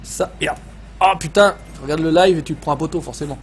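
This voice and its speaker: Brief: Savoyard man, high voice, loose swearing streamer chat, faint hiss behind. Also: fast talker. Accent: Savoyard French. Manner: swears often, reads chat aloud, loose and joking. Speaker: live-stream gaming host. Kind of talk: casual live-stream chat.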